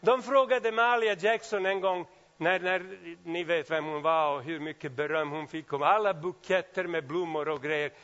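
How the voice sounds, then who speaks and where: High-voiced animated male preacher. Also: lo-fi sound. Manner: animated, swings from loud exclamations to quiet asides. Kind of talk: sermon.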